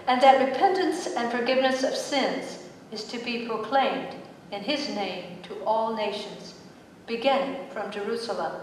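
Woman slowly reading scripture in church. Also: on the high side, slight background noise. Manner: slow, measured reading. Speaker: scripture reader. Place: large church sanctuary. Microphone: distant room mic. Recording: echoey sanctuary from far off.

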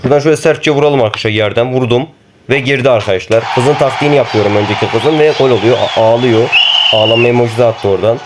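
A young man commenting on a mobile football game he plays, excitable and teasing his opponents as he talks to viewers. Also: mid-range voice, quick pace, noisy background. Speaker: gaming YouTuber.

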